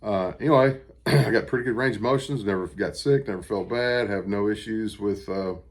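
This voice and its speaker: An American man with a deep voice talks casually to the camera in a personal update. His delivery is plain-spoken and unhurried, a little halting, with pauses as he gathers the next thought. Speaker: vlogger recovering from surgery. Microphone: camera on a stand with ring light.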